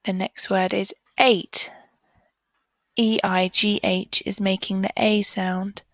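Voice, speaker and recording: A woman leads a children's phonics lesson, drawing out each vowel sound and word with deliberate care. Her pace is unhurried and gentle. The recording is dry, with no room around the voice. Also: mid-range voice, flat delivery, no echo, rough recording. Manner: slow, clearly sounding out letters and words. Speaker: teacher. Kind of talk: primary school phonics lesson.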